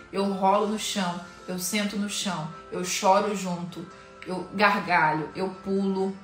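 A woman from Brazil with a Brazilian Portuguese accent, hosting a devotional live-stream talk for women in a candid, informal and emotionally expressive way. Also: mid-range voice, echoey room.

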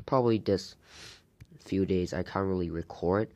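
A man hosting a casual solo gaming podcast, talking haltingly while getting over a sore throat. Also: low voice, mellow. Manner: halting, hesitant delivery. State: sick, recovering from a sore throat.

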